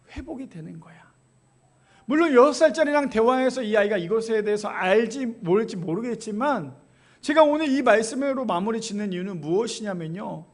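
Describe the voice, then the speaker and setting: Pastor guy in his 30s, really high voice, preaching hard in church, tells family stories. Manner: earnest, emphatic preaching with personal storytelling. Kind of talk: sermon. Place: church sanctuary.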